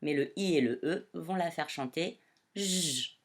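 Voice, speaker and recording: Her voice is low with a darkish tone as this woman teaches reading to young primary school children. She speaks slowly and clearly, addressing the class directly.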